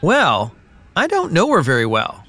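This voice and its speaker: A woman's voice: fairly low pitch, wildly swooping pitch, slow pace, fairly bright tone, pitched below the performer's own voice, exaggerated voice. A woman voicing a friendly young male coworker in a scripted lesson dialogue, easygoing and agreeable.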